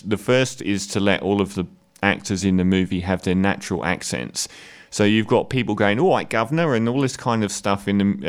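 A man's voice: fairly low pitch, clear, resonant tone. A man giving an opinionated, casual spoken film review, hesitating often with fillers.

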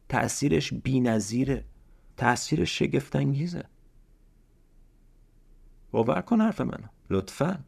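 A man's voice: mid-range voice, vocal fry, darkish tone, breathy edge. A man hosting a self-help podcast, talking earnestly and pleading with the listener, often repeating key lines and asking rhetorical questions. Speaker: podcast host. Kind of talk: motivational self-help talk.

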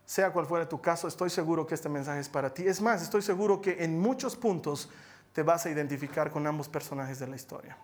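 A male pastor giving a sermon in a lively, humorous storytelling manner, moving between loud emphatic lines and soft asides. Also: on the high side, a little fast.

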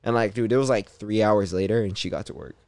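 A man's voice: on the low side, quick pace, a little mellow, dry recording. A young man hosting a casual podcast chat, laid-back and swearing, full of fillers. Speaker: podcast host.

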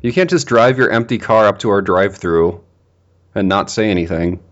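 A man's voice: fairly low pitch, normal speed, highs cut off, natural voice. A man voicing a weary, rude male drive-thru worker taking orders over the drive-thru speaker in a comedic tabletop podcast bit. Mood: exasperated. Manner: exasperated, snippy order-taking.

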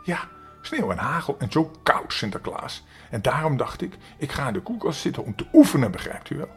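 A man's voice: mid-range voice, very animated, fairly quick, slightly rough, soft background music, pitched above the performer's own voice, exaggerated voice. A man voicing a half-frozen young male helper in a storybook, speaking in a thin, cold, stuttering little voice while shivering. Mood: earnest.

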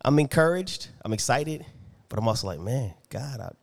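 A man co-hosting a casual podcast, expressive, sharing a mix of excitement and worry. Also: mid-range voice, normal speed, creaky. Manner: expressive, swings between excited and worried. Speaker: podcast co-host. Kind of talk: casual chat.

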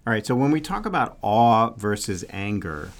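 Low-voiced New York man, halting delivery. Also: very animated. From New York, USA. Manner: halting, thinking aloud with frequent pauses. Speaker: podcast host giving dating advice to women. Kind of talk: casual solo podcast talk.

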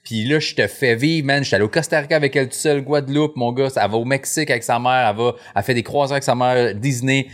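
A man's voice: medium pitch, fast, hardly any pauses. A man in his thirties with a Quebec French accent, a podcast guest talking casually, laid-back and swearing often. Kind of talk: casual chat.

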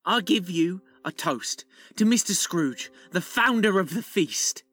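An actor playing a kindly, poor clerk and father in a dramatized story, gentle and placating. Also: high voice, lively intonation, measured pace, heavily acted. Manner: gentle, warm-hearted and placating. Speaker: Bob Cratchit.

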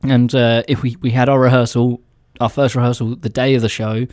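An English man chats casually as a radio co-host, sharing anecdotes. His voice sits at a medium pitch, recorded dry and close with little room sound. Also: level tone, a little fast, a little mellow, no echo. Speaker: radio show co-host, musician.

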